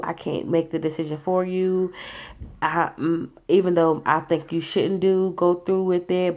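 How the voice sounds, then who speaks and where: A woman's voice: sits low, darkish tone, lo-fi sound. A woman in her twenties telling a personal story in a casual, chatty way, acting out what others said. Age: 20s. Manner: chatty, acts out quoted voices. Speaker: vlogger.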